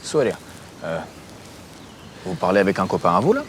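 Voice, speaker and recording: An actor playing a shady, guarded Russian boss in a web drama, with a Russian accent and a halting, hesitant manner. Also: male voice, low-pitched, wildly swooping pitch, full character voice. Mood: polite, curious. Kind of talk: naturalistic screen drama dialogue. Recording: noisy location recording.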